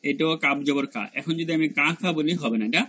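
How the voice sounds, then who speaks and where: A man. He repeats each letter sound again and again, drawing it out slowly so learners can follow. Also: a little high, fairly bright tone. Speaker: Quran pronunciation teacher. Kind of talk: spoken lesson on letter pronunciation.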